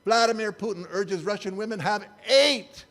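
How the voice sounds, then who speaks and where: A man's voice: sits high, moderate pace, a bit bright. An older man, a church speaker, giving a sermon-style talk with slides in a wry, incredulous, conversational way.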